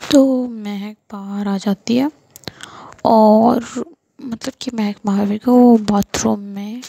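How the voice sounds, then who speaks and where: Young woman storyteller, chatty and rambling, slight vocal fry; casual narration. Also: mid-range voice, steady tone, slow pace, mellow, no echo, poor audio. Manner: chatty, many fillers like "matlab".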